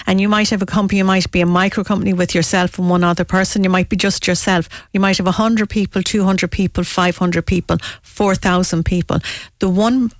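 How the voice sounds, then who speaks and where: A woman's voice: on the low side, fairly even intonation, a little fast, dry recording. A woman with a west of Ireland accent giving a promotional radio interview as a guest, emphatic and fond of repeating phrases for effect. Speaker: interview guest, business network representative.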